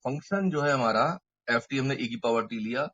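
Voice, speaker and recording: Guy teaching math online, husky voice, explains each step slowly, dull lo-fi mic sound. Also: medium pitch, fairly bright tone. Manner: explains step by step, checks in with students; mixes Hindi and English terms. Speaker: mathematics teacher. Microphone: microphone.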